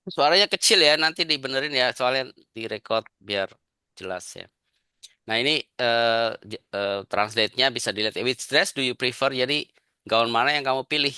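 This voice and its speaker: Bright-voiced Indonesian teacher. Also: male voice, medium pitch, no echo. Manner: explains patiently, ends phrases with a questioning "ya". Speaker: English teacher. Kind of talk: classroom grammar lesson.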